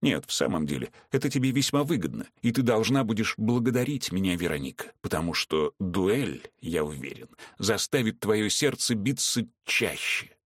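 A man voicing a cruel, vengeful male villain in an audiobook, gloating and ranting between low menace and shouting. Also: very animated, normal speed, hardly any pauses, dry recording, clean studio sound. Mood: taunting. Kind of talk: audiobook character reading.

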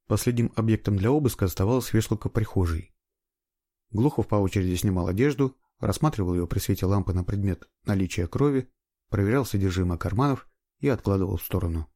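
A man narrating a novel as an audiobook, in steady, expressive storytelling. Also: on the low side. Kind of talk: scripted narration.

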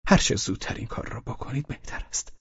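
A man voicing a calm, earnest, concerned woman in an audiobook reading, barely changing his own voice. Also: dry recording, dull audio, close to an everyday voice.

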